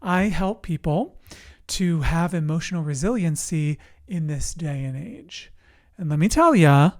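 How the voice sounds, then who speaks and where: A middle-aged emotional resilience coach and show host tells personal stories to camera, expressive, deliberate and conversational, with dramatic pauses and repetition. The medium-pitched voice is captured in clean studio sound without echo.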